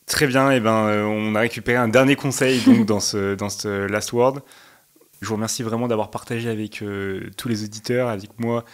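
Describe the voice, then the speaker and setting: A man hosting a podcast interview, asking questions in a measured, reflective way. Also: fairly low pitch, fairly even intonation. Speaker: podcast host. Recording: faint music underneath.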